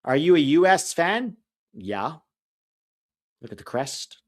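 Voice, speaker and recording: A man with a fairly high voice and big pitch swings co-hosts a live soccer watch-along, chatting casually and giving blunt opinions. His accent is mixed and hard to place, and he's quick to vent frustration during the live-stream match commentary.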